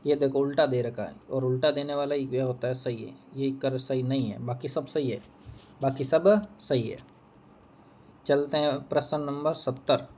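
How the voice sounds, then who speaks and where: A man's voice: mid-range voice, steady tone, normal speed, a little mellow. Male Hindi tutor, exam answer walkthrough, repeats himself, poses quiz questions, faint hiss behind. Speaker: Hindi teacher.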